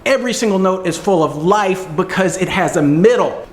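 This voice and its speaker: A man teaching viola technique, explaining and demonstrating passages in a relaxed, pausing way. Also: high voice. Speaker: music teacher. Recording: roomy echo, faint music.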